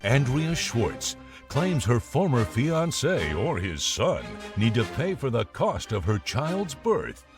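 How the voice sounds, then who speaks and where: Lively male narrator over music. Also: mid-range voice, slow pace. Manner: lively, announcer-like delivery. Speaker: show narrator. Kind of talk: scripted case narration.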